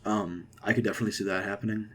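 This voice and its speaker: Rambling young man, husky low voice. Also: rapid-fire. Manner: rambling and excited, many fillers and restarts. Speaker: vlogger. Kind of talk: casual movie reaction monologue.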